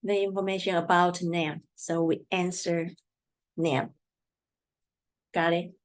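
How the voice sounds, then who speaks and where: A woman teaching a Chinese lesson in English, patiently repeating words slowly for learners, with Mandarin as her first language. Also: on the low side, little pitch movement. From Taiwan. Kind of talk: slow language lesson explanation.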